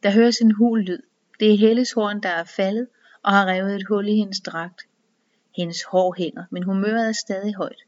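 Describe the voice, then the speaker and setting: A woman narrating a story in an even, measured reading voice. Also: mid-range voice. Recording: dull, dry lo-fi recording.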